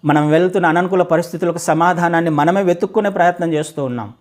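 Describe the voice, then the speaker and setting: A man preaching a sermon who asks his listeners questions, repeats phrases in building series, and swings between loud calls and low, slow stretches. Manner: asks rhetorical questions, addresses listeners directly.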